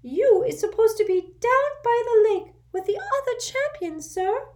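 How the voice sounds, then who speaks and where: A woman voicing an eager, servile male house-elf with a squeaky voice and broken grammar, in a storybook reading. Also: animated, measured pace, a little mellow. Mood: urgent, squeaky. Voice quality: squeaky, broken grammar, says sir constantly.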